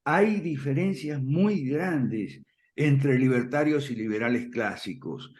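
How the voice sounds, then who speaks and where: A man explaining ideas in conversation, firm and emphatic, often checking in with a quick "ok?" and soft chuckles. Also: medium pitch, animated. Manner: emphatic, repeats points firmly. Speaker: guest speaker on classical liberalism.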